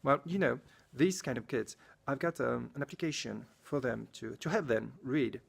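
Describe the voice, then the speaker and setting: Creaky-voiced French man vlogging. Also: mid-range voice, normal speed. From France. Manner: chatty, searches for English words and corrects himself. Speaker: science teacher. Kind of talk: casual vlog talk to camera. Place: school science lab.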